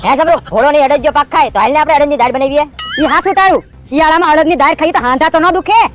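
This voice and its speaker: A woman's voice: high-pitched, rapid-fire, slight background noise, close to an everyday voice. A woman voicing a boastful male servant in a cartoon who poses as his master, with a Gujarati accent and a bossy, cocky manner. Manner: bossy, cocky, then whiny.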